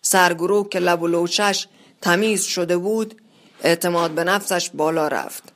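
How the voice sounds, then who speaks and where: Measured first-person storyteller. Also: mid-range voice, steady tone, fairly bright tone. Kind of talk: literary story reading.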